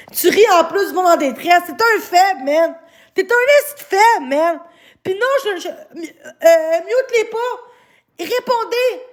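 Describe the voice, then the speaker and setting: Woman, Québécois accent, high voice, livestreamer, angry, swearing, scolding the chat. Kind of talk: live stream talking to chat.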